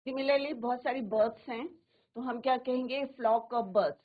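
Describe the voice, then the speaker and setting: A woman teacher with a Hindi accent, her voice a little high, talks slowly and with care. She puts questions to the class and answers them herself. The sound comes through a thin, tinny line, as if over a phone. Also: steady tone. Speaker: English teacher. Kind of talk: classroom lesson. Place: studio.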